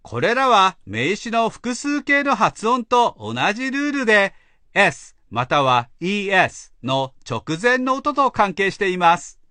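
A man explaining pronunciation rules as an English teacher, slow and careful. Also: high-pitched, big pitch swings, sharp tone, no room sound. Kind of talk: instructional narration.

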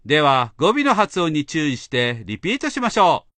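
Guy teacher explaining stuff slowly, lively pitch, dry studio sound. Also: no echo. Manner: slow, careful explaining. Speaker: English teacher. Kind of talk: instructional narration.

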